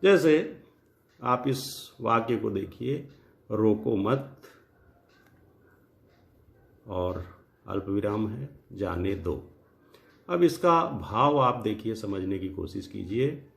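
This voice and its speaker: A man teaching Hindi grammar in a lecture, speaking slowly and deliberately, spelling out example sentences word by word and addressing viewers directly. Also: fairly low pitch, expressive, creaky.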